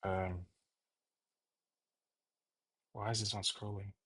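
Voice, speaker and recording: A man leading an unscripted coding tutorial, thinking aloud in a halting way with fillers and self-corrections. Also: lowish voice, level tone, fairly bright tone, breathy edge. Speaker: programming tutor.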